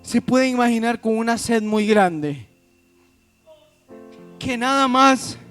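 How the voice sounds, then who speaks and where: Slow high-pitched preacher guy, faint music playing under him. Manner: addresses the congregation as "iglesia", asks questions to the crowd. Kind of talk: pentecostal sermon. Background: instrumental music.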